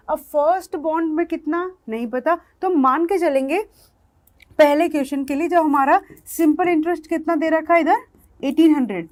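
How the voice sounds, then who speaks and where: A woman teacher walks her students through a maths problem step by step, stopping often to check they are following. Her voice sits high and light. She sounds patient and easy. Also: a little mellow. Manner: explains step by step, asks the class questions. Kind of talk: online maths lesson.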